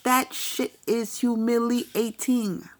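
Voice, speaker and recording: Blunt slow-talking woman gossip vlogger. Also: a little high, little pitch movement. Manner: blunt, opinionated, profane. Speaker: commentary vlogger. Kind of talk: casual celebrity gossip commentary.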